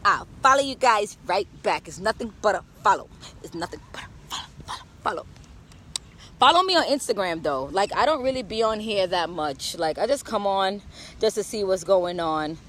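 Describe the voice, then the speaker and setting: A woman's voice: mid-range voice, expressive, moderate pace, fairly bright tone, slight background noise, rough recording. A woman from Jamaica ranting in a brash, profane, sassy way on a casual phone livestream, outdoors in the rain. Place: outdoors in rainy weather.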